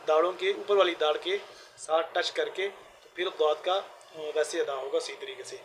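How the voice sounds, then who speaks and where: A man teaching Quran recitation. He chants verses slowly, then explains pronunciation rules quickly. He speaks with a Pakistani accent. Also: on the high side, a little hiss or hum, poor audio. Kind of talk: slow recitation lesson with spoken explanations.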